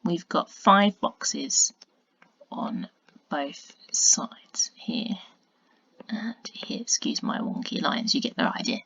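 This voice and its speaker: A woman, a science teacher narrating a recorded video lesson, explaining patiently and muttering quiet asides as she draws. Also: lowish voice, lively intonation, takes it slowly, gravelly, husky, no echo, whispered. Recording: dull lo-fi dry recording.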